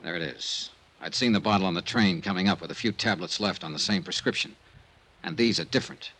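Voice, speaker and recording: On a poor-quality old radio recording with music, an actor plays a shrewd, world-weary investigator in an old-time radio detective serial. His low, bright, pushed voice moves fairly quickly, clipped and matter-of-fact, firm and probing. He narrates his own case and also questions people in dialogue.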